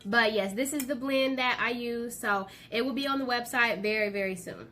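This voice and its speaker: A woman's voice: on the high side, moderate pace, a bit bright. A woman co-hosting a casual chat about her products and foods, talking in a loose way with lots of "um" and "like". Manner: chatty, full of "um" and "like" fillers. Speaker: co-host and small business owner.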